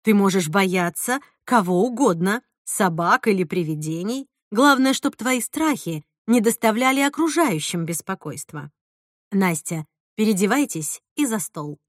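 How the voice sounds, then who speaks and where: A woman's voice: medium pitch, lively intonation, a little slow, dry recording, studio quality. A woman voicing a stern older grandmother who speaks in a clipped, firm, lecturing manner in an audiobook. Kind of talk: audiobook character reading.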